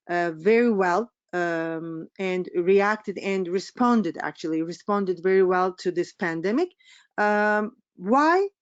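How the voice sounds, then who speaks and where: A woman's voice: a little high, no room sound, muffled recording. A middle-aged woman from Turkey with a Turkish accent, giving a webinar presentation as a business coach, hesitant with many fillers.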